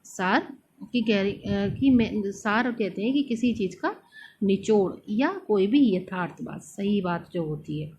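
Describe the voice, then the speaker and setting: A woman teacher reciting poem verses slowly and then explaining them line by line, often pausing with fillers. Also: medium pitch, darkish tone. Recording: dull lo-fi recording, faint noise.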